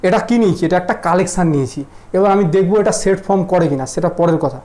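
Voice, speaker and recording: A man's voice: sits high, quick pace, dark tone. A man teaching math in a casual classroom lecture, teasing his students and constantly asking if they follow. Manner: teasing, asks students constant check questions. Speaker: mathematics teacher.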